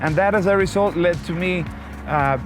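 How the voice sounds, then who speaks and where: A man from Costa Rica speaks as an interview guest, friendly and talkative, often restarting his sentences. His voice sits a little high, and music plays clearly behind him. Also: moderate pace. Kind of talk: conversational interview. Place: outdoors in a vehicle.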